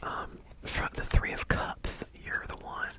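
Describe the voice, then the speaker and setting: With a soft whisper and a slow, faltering pace, an ASMR host seems to be casually sharing things with her viewers.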